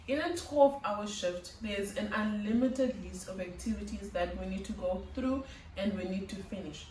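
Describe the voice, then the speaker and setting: A young woman talks through nursing school advice in an earnest, instructive vlog, stacking up lists of tasks. Her voice sits mid-pitch and comes from a little way off the mic. The room is echoey. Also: a little mellow, slight background noise. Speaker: nursing student vlogger. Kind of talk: advice vlog talking to camera. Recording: roomy, slightly distant mic.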